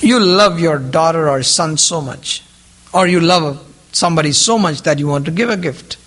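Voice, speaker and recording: A man whose first language isn't English delivers a sermon to a group in a voice on the high side and a bit bright, at a moderate pace. Key phrases recur, and he puts questions to his listeners.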